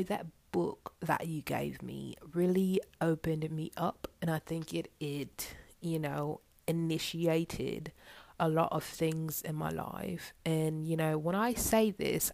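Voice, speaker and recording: Woman doing a worn-down young waitress, low creaky voice, rambling and earnest. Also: fairly even intonation, takes it slowly, a little mellow, no echo, heavily acted. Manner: earnest, rambling, swears when annoyed.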